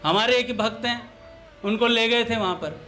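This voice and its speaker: A man's voice: extremely high pitch, normal speed, bright, forceful tone. A man giving a devotional talk in a storytelling manner, mixing everyday anecdotes with a funny tale of lisping brothers. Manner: storytelling, mimics lisping voices for comic effect. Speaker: satsang speaker.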